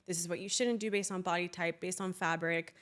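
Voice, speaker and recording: A woman's voice: fairly low pitch, fairly even intonation, a little fast, a bit bright. Confident young woman from Miami. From Miami, United States. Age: young adult. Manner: confident, chatty, laughs often. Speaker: guest. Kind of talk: casual interview chat.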